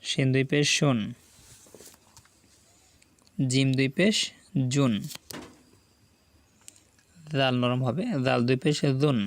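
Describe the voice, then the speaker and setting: A man with a Bangladeshi Bengali accent teaching Quran reading. He spells out syllables slowly and deliberately, and asks the viewers to repeat after him. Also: medium pitch, steady tone. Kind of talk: slow spelled-out recitation lesson.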